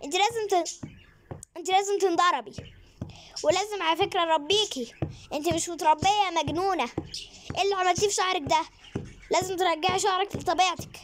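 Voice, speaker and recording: A girl voicing a strict Egyptian mother who hunts for her daughter and scolds her loudly and threateningly. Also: very high voice, normal speed, pauses often, a little hiss or hum, voice pushed up. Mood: scolding. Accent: Egyptian Arabic. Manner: loud, threatening, nagging. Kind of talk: voicing characters in a game role-play.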